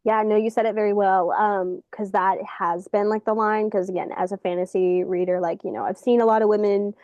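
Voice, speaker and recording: A woman author talks casually as a guest, her voice mellow and warm at a middle pitch. She chats loosely and fills pauses with "um" and "like". The sound is dry and close, over a video call. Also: no echo, highs cut off. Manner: relaxed, chatty, many fillers like "um" and "like". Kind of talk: casual interview chat.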